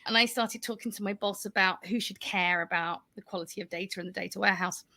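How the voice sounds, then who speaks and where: A woman, a panel guest on a video call, telling a lively, self-deprecating career story and laughing as she talks. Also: medium pitch, fast talker, vocal fry.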